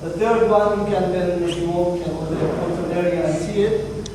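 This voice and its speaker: A man explains a sacred site in halting sentences full of fillers. His voice is rather high and flat. He sounds far from the mic, with a long echo and clear background noise. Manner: hesitant, many fillers. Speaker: tour guide. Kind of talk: guided tour explanation. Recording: distant, echoey, long reverb with noise.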